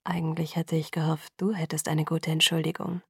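A woman voicing a brooding young man in a whispered role-play, with a soft, low, breathy voice. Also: level tone, brisk, dry recording, clean studio sound, heavily acted. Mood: hushed.

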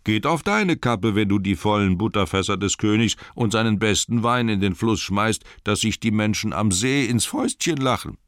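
Rowdy, tipsy young wood-elves, as a man puts them on while reading an audiobook jeer and call out loudly. The voice is pushed up well above his deep normal tone and bounces around, with a dry, close sound. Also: lively intonation, moderate pace, hardly any pauses, no room sound. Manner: loud, jeering, impatient. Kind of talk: audiobook character voice.

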